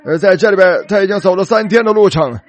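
A man preaching a sermon, telling a story dramatically and slowing down for emphasis. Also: high voice.

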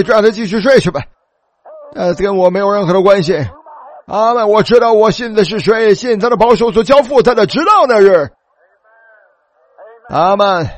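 High-voiced preacher man, animated. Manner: animated storytelling, exclaiming hallelujah. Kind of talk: sermon.

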